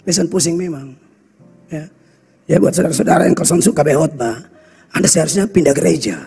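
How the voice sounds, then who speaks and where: A pastor with a Kupang accent, preaching a blunt, scolding sermon full of local slang. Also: male voice, a little high, a little fast, creaky, dark tone, husky. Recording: reverberant hall with faint music.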